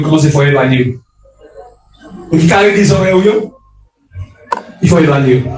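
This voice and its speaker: High-pitched guy preaching hard, shouting, repeating himself, echoey room from far off, soft music behind. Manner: impassioned, shouted calls of alleluia; repeats and restarts phrases. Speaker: prophet preaching. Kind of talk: sermon. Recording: echoey hall picked up from a distance.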